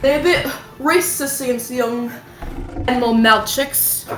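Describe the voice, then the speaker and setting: A woman putting on an unconvincing Scottish accent and rambling, halting and giggly as she searches for words. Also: fairly high pitch, a bit bright, echoey room, faint music behind, natural voice. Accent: put-on Scottish, not convincing.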